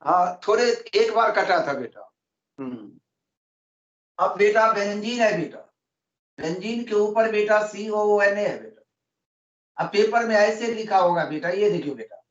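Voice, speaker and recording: Male chemistry tutor, high and patient, over a roomy, muffled video call. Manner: patient, calls students "beta" constantly. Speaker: chemistry teacher. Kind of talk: online class lesson.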